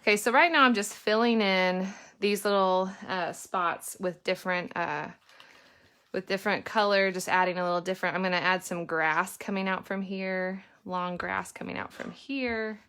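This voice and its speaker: A woman teaching lettering in a relaxed, conversational way, narrating every brush stroke as she goes. Her voice sits at an ordinary, middle pitch. She speaks from a home studio. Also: normal speed, clean tone. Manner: chatty, talks through each step. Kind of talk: casual painting lesson.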